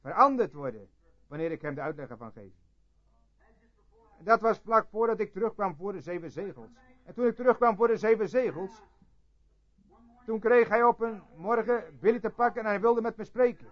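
A preacher with a high voice tells a story to his congregation. He jumps from loud cries to quiet asides. The tape sounds dull and lo-fi. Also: lively intonation, moderate pace, long pauses. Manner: storytelling preacher, swinging between loud outbursts and hushed asides. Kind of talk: sermon.

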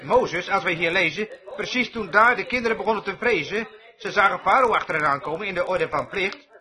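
A man's voice: high-pitched, sharp tone. A man preaching a sermon emphatically, often checking whether his listeners follow him. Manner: emphatic, asks the audience questions.

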